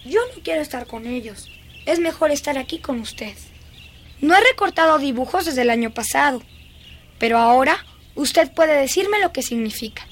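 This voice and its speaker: A dubbing actress voices a dreamy, eerie little girl fascinated by dead beetles, using a lingering, singsong, childlike delivery for the film. Her voice sits high and animated at a normal speed, with a chatty mood.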